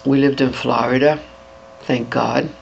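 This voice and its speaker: An older entertainer giving an interview, talking in an animated way and demonstrating voices while handing out advice. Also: medium pitch, measured pace, gravelly. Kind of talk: interview chat. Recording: dull lo-fi, faint noise.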